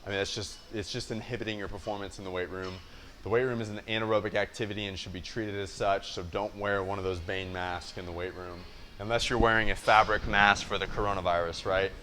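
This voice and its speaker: A man's voice: fairly low pitch, fairly even intonation, fast talker, bright, forceful tone. A young American man giving a casual, blunt explainer as a fitness coach, often checking in with listeners. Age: young adult. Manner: blunt, conversational, with rhetorical check-ins. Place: indoor gym space.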